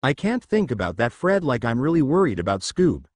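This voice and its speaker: A man's voice: mid-range voice, sing-song, a little fast, no echo. Brief: nervous stammering teen boy, dog-obsessed, dry close sound, voiced by a man. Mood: worried.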